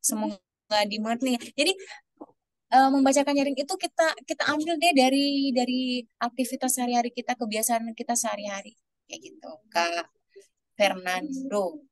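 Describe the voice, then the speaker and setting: A woman speaker explains things to a webinar audience in a chatty, rambling way, full of fillers and restarts. Her voice sits a little high. The call audio is dry, with no room sound. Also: moderate pace, dry recording. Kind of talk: explaining answers in an online webinar.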